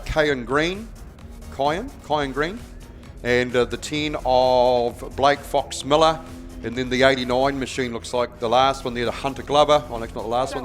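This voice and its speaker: A man's voice: medium pitch, fairly bright tone. A man with a New Zealand accent giving casual live commentary as a speedway track announcer.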